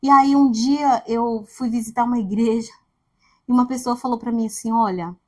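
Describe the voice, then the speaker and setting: A woman's voice: fairly high pitch, fairly even intonation, moderate pace. A woman from Brazil preaching a sermon, telling a family story and acting out the quoted voices.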